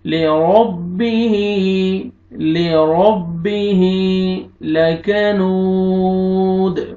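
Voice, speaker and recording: A male Quran teacher with a Pakistani Urdu accent, reciting verses in long drawn-out phrases and explaining tajweed rules quickly in between. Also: high voice, darkish tone. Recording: roomy, dull lo-fi recording.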